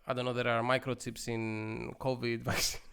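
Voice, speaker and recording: A man's voice: mid-range voice, flat delivery, normal speed, gravelly, fairly bright tone, clear, resonant tone. A young man co-hosting a podcast in casual comedic chat, teasing and bantering with his co-host.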